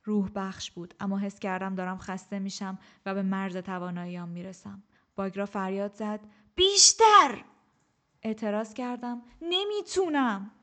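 A woman narrating a first-person novel in an even, measured way. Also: mid-range voice. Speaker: audiobook narrator.

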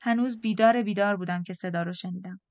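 A woman reads a novel aloud in the first person, calm and measured. Her voice sits at a middling height and is recorded dry and close, with no room sound. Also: medium pitch, dry recording. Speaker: audiobook narrator. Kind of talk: first-person audiobook narration.

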